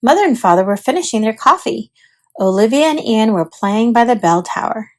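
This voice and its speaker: With a fairly high-pitched voice, a woman reads a children's storybook aloud in an expressive, deliberate storytelling manner.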